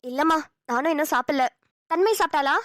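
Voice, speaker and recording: A woman's voice: high voice, fast, fairly bright tone, no echo, clean studio sound. Woman voicing a fond middle-aged cartoon mother. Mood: wistful. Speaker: voice actor. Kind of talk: cartoon dialogue acting.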